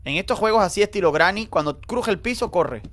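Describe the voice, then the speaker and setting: An excitable man commentating a horror game live for his chat. His voice sits high and swings widely, from hushed nervous asides to panicked yelps. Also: brisk. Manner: excitable, jumpy, talks to chat. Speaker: streamer.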